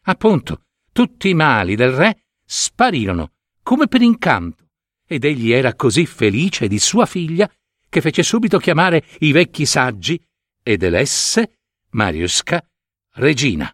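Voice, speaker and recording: A man reading a fairy tale aloud with expressive, varied intonation. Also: medium pitch, measured pace, no echo, studio quality. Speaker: storyteller.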